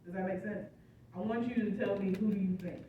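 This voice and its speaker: Speaking quickly in a steady, medium-pitched voice, a woman lectures her college class, explaining each step and often making sure students follow along. The sound is phone-quality, recorded from a distance in an echoey room with background noise.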